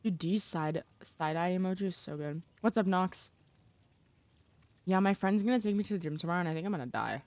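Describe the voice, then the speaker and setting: A woman's voice: fairly low pitch, expressive, brisk, a little mellow, no room sound. Chatty young woman streamer, dry sound. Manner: chatty, greets chat by name, playful. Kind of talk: casual live-stream chat while gaming.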